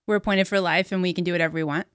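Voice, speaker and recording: A woman's voice: on the low side, fairly even intonation, rapid-fire, clean tone, no room sound. Giddy joking woman, dry close sound. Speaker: podcast co-host. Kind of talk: comedic improv sketch.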